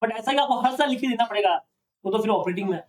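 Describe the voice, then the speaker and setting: A male accounting teacher lecturing a classroom, often pausing to ask students questions to check they follow. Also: sits high, recorded from a distance.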